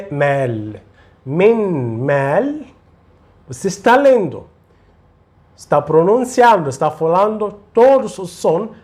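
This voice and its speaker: A man teaching Quran recitation in a slow tutorial, patiently repeating syllables for the learner to follow. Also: a little high, a little mellow.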